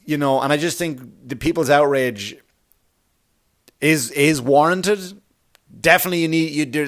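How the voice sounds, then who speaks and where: A man's voice: medium pitch, a bit bright. A man from Ireland, hosting a podcast in a blunt, profane, rambling comedic monologue full of restarts. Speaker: podcast host.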